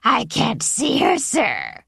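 A woman's voice: huge pitch swings, takes it slowly, creaky, fairly bright tone, slightly rough, no room sound, clean studio sound, exaggerated voice. A woman voicing a bellowing, overbearing old grandfather lord with brassy, jeering laughter in his voice. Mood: mocking. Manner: booming and jeering.

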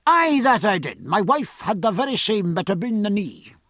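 A man's voice: high-pitched, sing-song, normal speed, fairly bright tone, dry recording, studio quality, voice pushed up, exaggerated voice. A man voicing a tipsy, talkative Scottish surgeon's mate with rolling R's and a broad brogue. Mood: dreamy rambling.

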